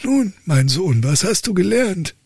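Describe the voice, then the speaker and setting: A man voicing an old count, an angry father who scolds his son in a high, strained voice. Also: big pitch swings, a little slow, creaky, husky, no echo, studio quality, exaggerated voice. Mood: stern. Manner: shouting in high strained outrage.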